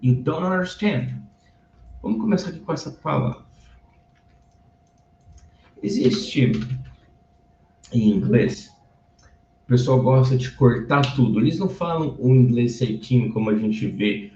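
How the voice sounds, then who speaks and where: A man's voice: medium pitch, expressive, a little slow, pauses often, dark tone, slight background noise. A man teaching English, patiently repeating words for practice. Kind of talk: bilingual teaching of English through Bible stories. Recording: dull, roomy recording from a distance.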